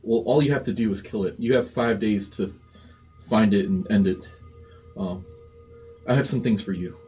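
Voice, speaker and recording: Man voicing fretful orphanage caretaker NPC, low mellow tone, halting delivery. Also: lo-fi sound, soft background music, lightly acted. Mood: worried. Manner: halting, hesitant speech with repeated words.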